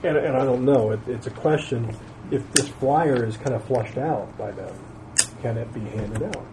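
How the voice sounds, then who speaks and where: A man's voice: mid-range voice, normal speed, recorded from a distance, background noise. A man working as a consultant, speaking agreeably in a meeting and thinking aloud with restarts. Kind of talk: casual meeting talk.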